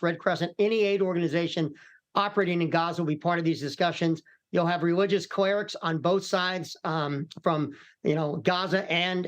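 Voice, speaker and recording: Calm, higher-voiced American man, expert guest. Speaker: retired military commander and hostage expert guest. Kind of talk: live news interview analysis.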